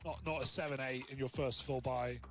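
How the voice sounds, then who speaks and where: A man hosting an esports watch party, chatting quickly and analytically about the match. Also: mid-range voice, fairly even intonation, a bit bright, slight background noise. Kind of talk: casual esports commentary. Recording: stream audio with crowd behind.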